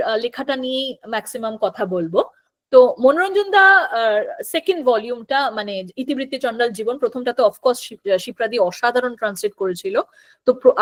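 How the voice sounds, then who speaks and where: A woman with a Bengali accent giving an academic talk, switching between Bengali and English, pausing often to think and restart. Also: high voice. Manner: thoughtful, often pauses with fillers and restarts. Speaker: guest lecturer on translation.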